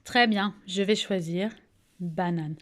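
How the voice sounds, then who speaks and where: Slow, patient French schoolteacher woman. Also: on the low side. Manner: slow, clearly articulated, patient, coaxing questions and praise. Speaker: kindergarten teacher. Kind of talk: remote phonics lesson for young children.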